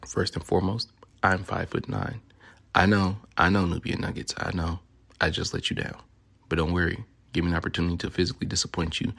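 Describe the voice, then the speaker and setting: A man with a Southern US accent and a deep, smooth voice, hosting a casual solo podcast in a playful, boastful, sweary way. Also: a bit bright. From Memphis, Tennessee, United States. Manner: playful, boastful, profanity-laden delivery. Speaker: podcast host.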